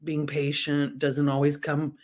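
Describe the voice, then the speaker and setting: A woman's voice: sits low, a little slow. A woman, a singer-songwriter, chats as a podcast guest. Her talk is easygoing and informal, and she laughs easily as she speaks. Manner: relaxed, chatty, laughs easily. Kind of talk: casual interview conversation.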